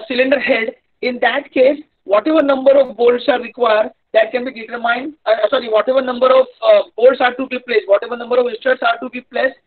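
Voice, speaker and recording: A man with a North Indian accent giving a live online engineering lecture in a hesitant, repetitive, explanatory manner. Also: very high voice. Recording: dull lo-fi online-class audio.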